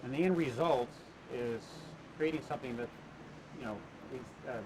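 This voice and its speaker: Man on a hissy worn tape copy. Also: medium pitch. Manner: halting, many "uh" fillers and restarts. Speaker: attraction owner being interviewed. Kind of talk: interview answers.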